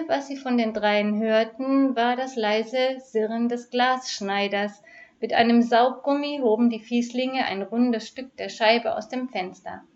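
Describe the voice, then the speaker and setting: A woman reading a cozy crime story aloud in a measured, expressive storytelling manner. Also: on the high side, muffled recording. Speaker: narrator. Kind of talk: scripted narration of a crime story.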